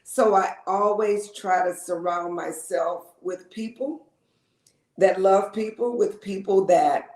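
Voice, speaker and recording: A woman's voice: mid-range voice, slow pace, darkish tone. A woman talks freely as an interview guest. She circles back on her words, doubling them and dropping in ums. Her voice sits in an echoey room. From Lake Charles, Louisiana. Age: 50s. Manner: chatty, repeats words, frequent ums. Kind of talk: casual interview storytelling.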